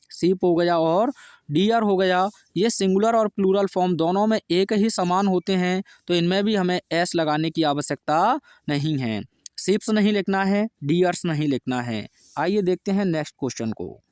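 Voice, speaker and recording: High-voiced man teaching grammar. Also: no echo, studio quality. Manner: explains step by step, asks and answers his own questions. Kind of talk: exam-prep grammar lesson.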